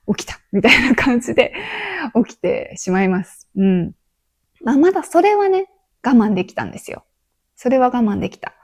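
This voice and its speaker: A woman podcast host speaking slowly and gently in a casual monologue for learners, with many soft filler words. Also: mid-range voice.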